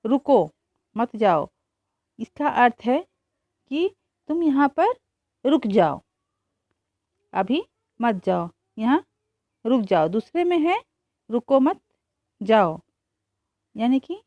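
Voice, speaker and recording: A woman teacher explaining a grammar lesson slowly, repeating examples and answering her own questions. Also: high-pitched, no room sound. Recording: dull, muffled dry recording.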